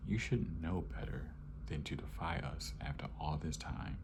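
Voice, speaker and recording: A man voicing a cold, menacing young male superhero turned villain in a soft, gravelly ASMR comic reading. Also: extremely low pitch, normal speed, background noise. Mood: cold contempt.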